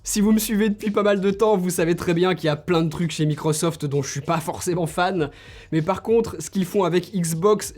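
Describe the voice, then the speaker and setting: Speaking informally to his audience, a young male tech reviewer eagerly and directly recommends tech gifts to camera. He has a high-pitched voice with a somewhat dark quality.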